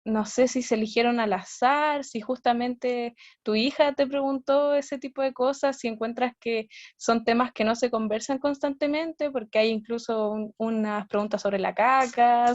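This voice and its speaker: A woman's voice: a little high, steady tone, normal speed, no echo. Hesitant woman on a dull call line. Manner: hesitant, searching for words. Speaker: participant asking a question. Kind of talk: casual question on a video call. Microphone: video call.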